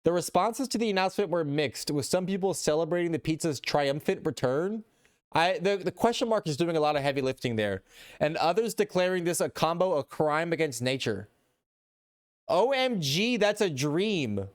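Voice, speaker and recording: A man's voice: a little high, expressive, brisk, smooth. A man streaming live, chatting casually with his chat in a rambling way and reading posts aloud.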